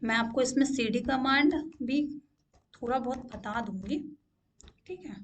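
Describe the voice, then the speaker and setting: High-voiced woman teaching a tech tutorial. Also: measured pace. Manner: repeats "ठीक है" to check in, asks questions aloud. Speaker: instructor. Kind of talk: screen-share coding tutorial.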